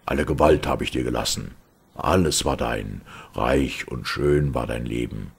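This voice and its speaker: A man's voice: rumbling low, unhurried, creaky, husky, exaggerated voice. A man doing a cruel, bellowing knight. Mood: menacing. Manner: threatening, commanding.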